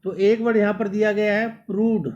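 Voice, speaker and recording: High-voiced man teaching vocabulary. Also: level tone, fairly quick, a little mellow, highs cut off. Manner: repeats words often and calls the students "my dear". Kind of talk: exam-prep vocabulary lesson.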